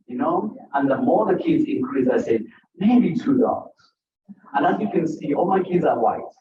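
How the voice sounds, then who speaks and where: A Ugandan author whose native language isn't English chats with and jokes to the crowd in a bookstore event room. His pitch is fairly high, and the background is noisy in a roomy, dull, distant recording.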